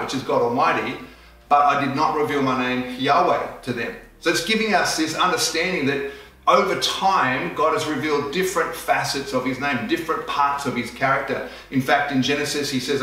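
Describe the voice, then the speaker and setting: Bright-voiced preaching man, echoey. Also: medium pitch, normal speed. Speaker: pastor. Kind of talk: sermon. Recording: echoey room, voice from far off.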